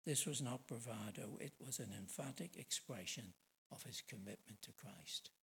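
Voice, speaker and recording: A man's voice: medium pitch, moderate pace, creaky, poor audio. Middle-aged male preacher, mid-range voice, earnest and emphatic sermon delivery with rhetorical questions.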